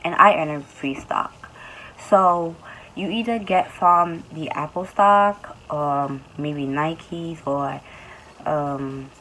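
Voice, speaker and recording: A young woman chats through a casual vlog in a sleepy, slightly low voice, rambling loosely with plenty of ums. A faint hum of room noise sits behind her. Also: takes it slowly, bright, forceful tone, poor audio. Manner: loose, chatty, with many fillers. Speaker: YouTube host.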